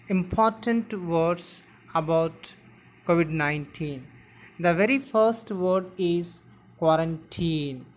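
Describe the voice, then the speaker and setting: A woman teaching vocabulary, slowly spelling words letter by letter and sounding out each syllable. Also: on the low side. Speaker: English teacher. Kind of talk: vocabulary and pronunciation lesson.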